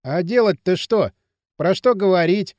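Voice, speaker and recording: A chubby, easily scared teenage boy who hesitates and frets over every idea, as a male audiobook narrator plays him. His voice sits high and lively, recorded close and dry. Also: a little slow, no echo. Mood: flustered. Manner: hesitant, nervous, fretful. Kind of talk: audiobook character voice.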